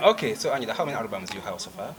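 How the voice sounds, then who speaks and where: A man's voice: mid-range voice, very animated, very fast, gravelly. A man with a Ugandan accent hosting a TV interview in a playful, laughing way, mixing in local words. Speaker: TV show host. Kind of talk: casual interview chat. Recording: loud crowd in background. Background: crowd noise.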